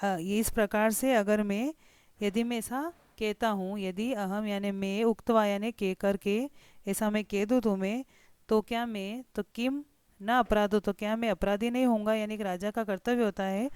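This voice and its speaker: Woman slowly explaining a lesson. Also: medium pitch, steady tone, a little mellow, smooth, no echo. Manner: slow deliberate word-by-word explanation. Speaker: teacher. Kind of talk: explaining a textbook lesson line by line.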